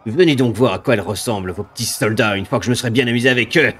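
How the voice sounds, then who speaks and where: A man voicing a ravenous demon from a video game, a haughty dark lord who taunts with drawn-out, mocking menace. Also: medium pitch, slightly rough. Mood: scornful. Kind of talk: dramatic video game villain read aloud.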